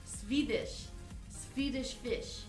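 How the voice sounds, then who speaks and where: A woman with a higher-pitched voice speaks extremely slowly while hosting a casual trivia game on a live stream. She reads the questions aloud, then chats, giggles and banters with her co-host. The room is echoey, with faint music in the background.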